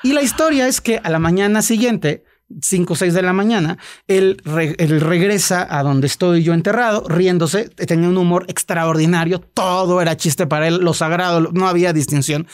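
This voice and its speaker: A man's voice: sits high, normal speed. A man, a podcast guest and author, telling a personal story in casual chat and acting out the quotes. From Mexico.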